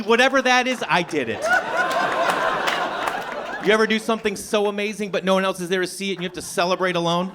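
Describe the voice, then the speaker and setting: Animated male stand-up comedian. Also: very noisy. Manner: animated storytelling, bursts into high shouted quotes. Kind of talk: stand-up set. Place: comedy show venue with audience.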